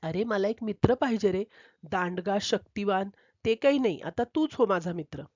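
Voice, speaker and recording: A woman's voice: mid-range voice, animated, moderate pace, darkish tone, dry recording, lightly acted. A woman doing a chatty, lonely cat. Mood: coaxing. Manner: coaxing, chatty. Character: lonely male cat eager for a friend. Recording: dull, dry lo-fi recording.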